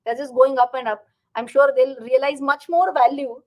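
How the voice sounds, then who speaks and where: A woman's voice: sits high, steady tone, normal speed. A woman with an Indian accent chats casually as a live stream host, reading out and answering viewer comments and slipping Hindi phrases into English.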